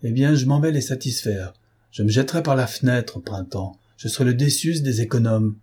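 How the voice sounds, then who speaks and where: A man's voice: medium pitch, normal speed, dark tone, slightly rough, close to an everyday voice. A man reading aloud who voices a fretful, feverish estate manager in a peevish, theatrical way, set a little above his own voice. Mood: dramatic.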